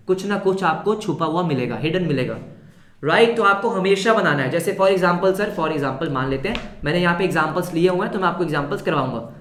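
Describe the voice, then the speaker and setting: A male accounts teacher with a sore throat, running a fast revision lesson, asking the class questions and answering them himself. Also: on the high side, reverberant. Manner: quizzes students then answers his own questions.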